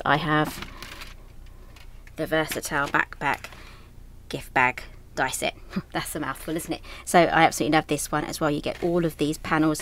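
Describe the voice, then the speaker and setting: In this casual product showcase, a craft designer, born in Yorkshire and from southern England, happily rambles on about her new creations. Her voice sits low, and there's a little hiss or hum on the recording.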